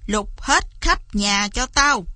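A woman's voice: on the high side, measured pace, bright, forceful tone, no echo. A woman voicing a cruel greedy male landlord who hisses threats. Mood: threatening. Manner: hissing, threatening.

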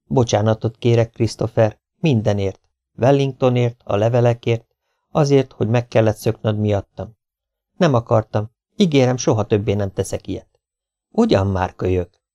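A man voicing a furious, grieving middle-aged father who shouts and then pleads. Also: fairly low pitch, dry recording, close to an everyday voice. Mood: pleading. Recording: dull lo-fi recording.

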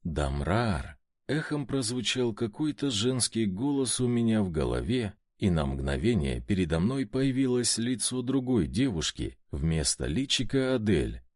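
Male audiobook narrator, expressive first-person reading, close dry studio sound. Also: on the low side, moderate pace, hardly any pauses, no room sound.

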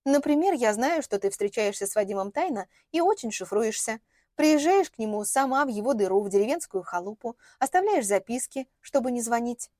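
A woman's voice: a little high, expressive, a little fast, warm tone, no room sound, clean studio sound, close to an everyday voice. A woman reading an audiobook, voicing a bold, sarcastic young heroine who confronts and mocks. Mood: cocky. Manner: mocking, confrontational.

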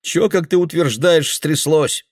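A man reading aloud and voicing a wary, blustering older father who demands answers and yells. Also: a little high, measured pace, dry recording, studio quality, pitched above the performer's own voice. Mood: demanding.

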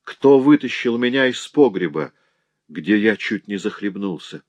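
A man's voice: lowish voice, lively intonation, a little slow, no echo, highs cut off. A man reading an audiobook, voicing a noble young prince who speaks urgently and demands to be obeyed. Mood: anxious commanding.

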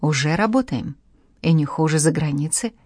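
A bold old-time blacksmith answers with calm, cheeky confidence, read by a woman. The voice is low for a woman and recorded dry and close. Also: moderate pace, dry recording. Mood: confident. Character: bold, unflappable male master blacksmith.

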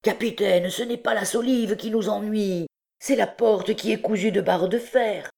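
A rough, plain-spoken male bandit earnestly explains the trouble to his chief, played by a woman narrator. She raises her voice noticeably above her reading tone for him. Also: medium pitch, fairly even intonation, normal speed, darkish tone, pitched above the performer's own voice, close to an everyday voice.

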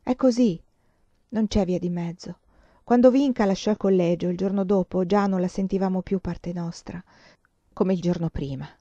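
A woman's voice: lowish voice, normal speed, mellow, dry recording, lo-fi sound, lightly acted. A woman voicing an intense, earnest young female student with impassioned, emphatic speech in a storybook reading.

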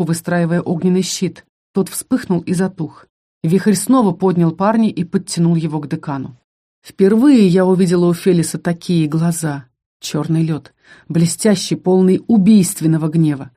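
Mellow audiobook narrator, calm reading. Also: mid-range voice. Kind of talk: first-person audiobook narration.

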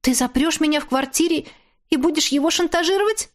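A woman's voice: brisk, lightly acted. A woman voicing a frightened, pleading young mother. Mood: distressed. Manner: pleading, tearful, high-strung.

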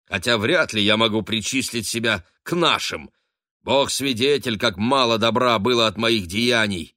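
A man voicing a weary old sea captain in an audiobook, speaking in a booming, grim and forceful manner. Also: normal speed, no room sound, clean studio sound. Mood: bitter.

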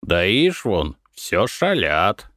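A man voicing an old, bent, grey-haired peasant grandfather who speaks slowly in folk speech. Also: sits low, sing-song, a bit bright, dry recording, studio quality, exaggerated voice. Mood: wary. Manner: slow, wary folk speech.

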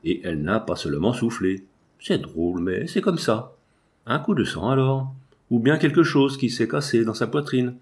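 A man's voice: medium pitch, animated, moderate pace, natural voice. A man voicing a stolid, grumbling omnibus conductor who speaks bluntly and colloquially. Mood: gruff.

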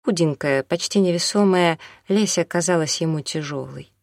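A woman narrating an audiobook in an even, measured reading. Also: on the low side, gravelly, no echo, clean studio sound.

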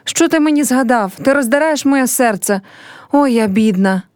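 A woman's voice: sits high, animated, normal speed, darkish tone, no echo, studio quality, voice pushed up. A woman reading a play aloud and voicing a young village girl who is heartbroken and proud, speaking in a pleading, reproachful way. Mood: sorrowful.

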